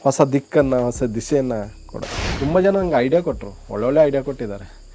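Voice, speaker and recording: A man's voice: mid-range voice, expressive, a little fast, mellow, a little hiss or hum. A man who runs a homestay, earnestly telling stories of his guests in a casual interview. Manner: earnest, reflective storyteller. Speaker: homestay owner.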